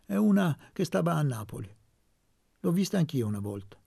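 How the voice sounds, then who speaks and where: A man voicing a crude, mocking young man who teases his friends loudly. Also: on the high side, very animated, moderate pace, gravelly, breathy edge, no room sound, clean studio sound, voice pushed up, heavily acted. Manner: sneering, boisterous.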